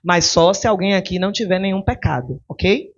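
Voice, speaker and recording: A woman preacher voicing a calm, gentle grown man who teaches slowly and softly. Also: lowish voice. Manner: slow, soft, measured. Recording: dull lo-fi recording.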